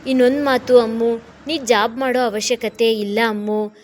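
A woman voicing a calm, caring middle-aged father who talks in a soothing, coaxing way. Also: a little high, moderate pace, natural voice.

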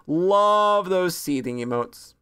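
A woman streamer chats through fan art in a casual, rambling way. Her voice sits a little low but swings widely, jumping into squeaky excited bursts. She is bubbly and pokes fun at herself. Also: slow pace, clear, resonant tone. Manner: bubbly, rambling, self-mocking, with sudden squeaky high bursts. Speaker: VTuber streamer.

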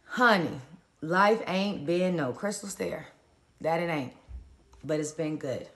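A woman's voice: low-pitched, animated, slow pace. Upbeat woman hosting a morning live stream. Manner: upbeat, colloquial, greets viewers by place; preacherly, encouraging.

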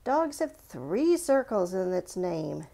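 Very animated yet slow, a woman with a fairly low, creaky, dark voice leads young children through a drawing lesson. She uses simple, encouraging instructions and frequently asks them questions.

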